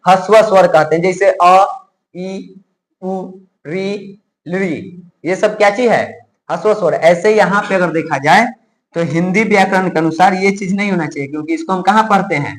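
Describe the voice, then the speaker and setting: A male teacher giving a grammar lesson to a class, drilling sounds slowly and often asking the students if they have understood. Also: high-pitched, slight background noise, low-quality recording. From India. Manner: asks students frequent check questions.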